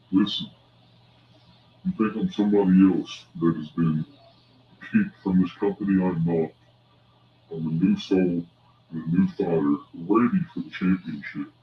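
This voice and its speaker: Deep pitch-shifted man through a voice changer. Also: slight background noise. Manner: confrontational, declarative. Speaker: wrestling promo speaker. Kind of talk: recorded challenge promo. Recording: echoey, dull, distant video playback.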